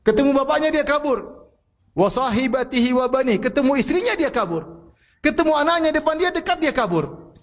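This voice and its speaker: A middle-aged man preaching a sermon, pressing the listener with repeated rhetorical questions and telling personal stories with a soft laugh. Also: extremely high pitch, animated, brisk. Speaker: Islamic preacher.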